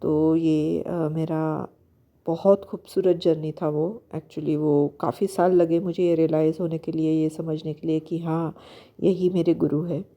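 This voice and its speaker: A young woman telling a personal spiritual story, hesitant and pausing often with fillers. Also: deep voice, level tone, mellow. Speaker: spiritual vlogger. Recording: dull lo-fi recording.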